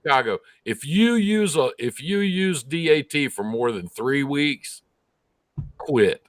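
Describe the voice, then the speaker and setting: A man's voice: on the high side, animated, takes it slowly, dry recording. A man co-hosting casual trucker talk in a blunt, sarcastic way, swearing freely.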